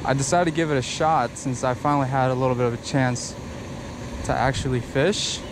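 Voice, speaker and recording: A young man, chatting casually and excitedly while fishing from rocks at a park pond, rambling through explanations with lots of fillers. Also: medium pitch, brisk, noisy background. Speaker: fishing vlogger. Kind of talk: casual outdoor fishing vlog. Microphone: head-mounted action camera.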